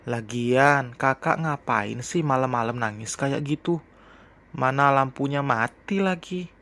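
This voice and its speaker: A man's voice: mid-range voice, measured pace, a bit bright. A man voicing a practical young woman who teases her older sister, chiding her in a storybook reading. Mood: teasing. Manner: teasing, chiding.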